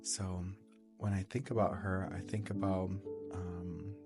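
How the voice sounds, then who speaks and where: A man hosting a podcast in a soft, hushed library voice, talking casually and reflectively. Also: low-pitched, flat delivery, unhurried, over loud music. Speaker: podcast host.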